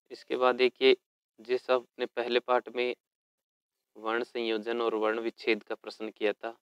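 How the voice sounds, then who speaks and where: A man's voice: medium pitch, clear, resonant tone, dry recording, dull audio. A man explaining a Sanskrit textbook lesson, patiently spelling out words letter by letter. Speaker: Sanskrit teacher.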